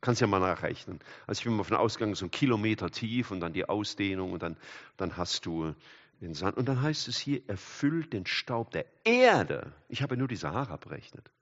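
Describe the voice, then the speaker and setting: An older man preaching a sermon, animated, swinging from loud exclamations to hushed asides and chatting with the congregation. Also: low-pitched, quick pace. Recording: dull hall recording with long reverb.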